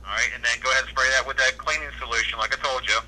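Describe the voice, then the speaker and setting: A sharp-toned American man speaks very fast at a medium pitch with fairly even intonation. He's a service worker on a phone call, offering practical advice in a patient, plain-spoken, matter-of-fact manner, and the audio has a telephone-line quality.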